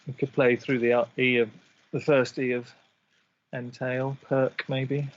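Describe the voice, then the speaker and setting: A man's voice: medium pitch, level tone, takes it slowly, highs cut off. A man giving live game commentary, chatty and analytical as he breaks down each move.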